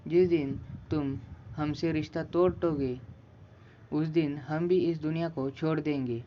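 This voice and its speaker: A man's voice: on the high side, steady tone, measured pace, lo-fi sound, slight background noise, natural voice. A man voicing an anxious, loving mother who pleads with her son through tears. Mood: tearful. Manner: pleading, emotional.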